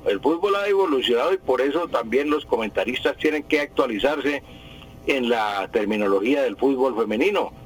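On a radio call-in show, a language expert with a mid-range voice patiently corrects how words are used, repeating terms for emphasis. The audio is poor, with a little hiss or hum.

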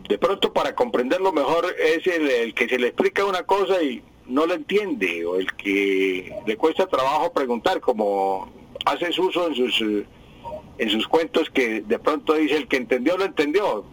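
A man from Colombia on the radio, patiently explaining word meanings to listeners, slowly and with many fillers. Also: medium pitch, lively intonation, slightly rough, rough recording. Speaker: radio language teacher answering listeners.

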